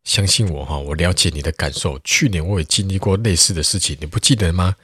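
A man's voice: deep voice, fast talker, a bit bright, slightly rough, dry recording, studio quality. A man voicing an overeager friend who pushes advice, in a story he tells. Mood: eager. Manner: eager, pushy. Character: overeager know-it-all friend.

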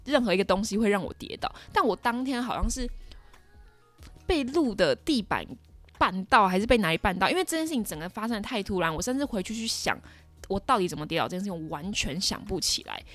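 Speaking quickly with lively intonation, this twenties podcast host recounts something that happened to her in a Taiwanese Mandarin accent, exclaiming dramatically and filling gaps with lots of filler words. Her mid-range voice is fairly bright, the recording has no room sound, and faint music sits behind her.

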